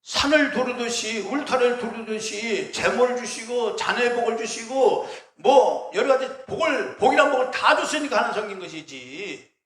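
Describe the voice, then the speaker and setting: A man's voice: very high voice, expressive, moderate pace, fairly bright tone, reverberant. A man doing a smug, sly devil.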